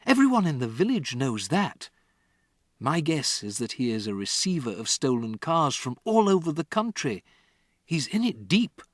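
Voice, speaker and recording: A storybook narrator voicing a kind, calm woman schoolteacher who speaks gently and quietly. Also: medium pitch, normal speed, dry recording, studio quality, voice pushed up. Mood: gentle.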